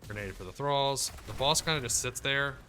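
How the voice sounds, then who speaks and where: A man giving casual commentary as he plays through a video game guide, relaxed and explaining as he goes. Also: medium pitch, moderate pace, slight background noise. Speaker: gaming guide creator. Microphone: desk mic, muted to cough.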